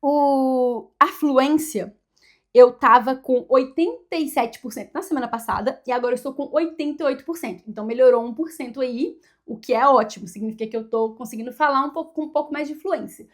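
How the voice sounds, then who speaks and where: A high-pitched woman with a Brazilian Portuguese accent talks casually to her viewers from her desk. She thinks out loud as she goes and keeps checking in with the audience through little tag questions. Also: fairly quick. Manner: chatty, thinking aloud with frequent tag questions. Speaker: vlogger. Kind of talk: casual chat to camera.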